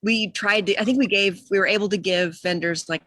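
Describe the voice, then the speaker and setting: A woman's voice: mid-range voice, fairly even intonation, brisk, fairly bright tone, dry recording. A woman, a guest who organizes a yarn event, chatting and chiming in agreeably. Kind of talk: casual chat.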